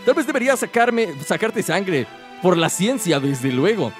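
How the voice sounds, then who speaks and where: A man's voice: high-pitched, very animated, a little slow, faint music behind. A man voicing a sly, eager male demon scientist from a game, with probing questions. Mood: curious.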